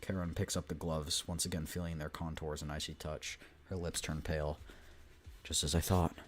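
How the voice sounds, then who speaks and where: A man's voice: a bass voice, flat delivery, brisk. A man reading video game narration aloud as a streamer. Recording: background noise.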